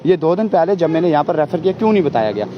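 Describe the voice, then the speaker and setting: Very animated and a little high in pitch, a man speaks to news reporters outside, a father desperate over his sick baby's treatment. He pleads urgently and complains fast in this distressed street interview, with noise behind him and dull, lo-fi sound.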